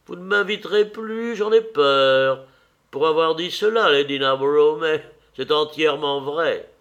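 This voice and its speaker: A man's voice: fairly high pitch, measured pace, a bit bright, lo-fi sound. A man voicing a witty, cynical English lord who speaks in languid, epigrammatic phrases.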